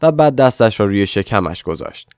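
A man narrating a novel in a steady, even storytelling voice. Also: lowish voice, dry recording, studio quality. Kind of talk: scripted audiobook narration.

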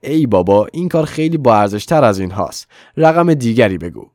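A man's voice: mid-range voice, sing-song, darkish tone, no room sound, clean studio sound, close to an everyday voice. A man voicing a shrewd, playful older male millionaire in a storybook reading, questioning in a raised voice. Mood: teasing.

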